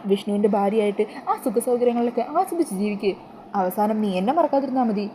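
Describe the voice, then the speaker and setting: A woman's voice: fairly high pitch, fast talker, mellow, a little hiss or hum, natural voice, rough recording. A woman voicing a scheming, blunt female friend who lectures and pushes. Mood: lecturing.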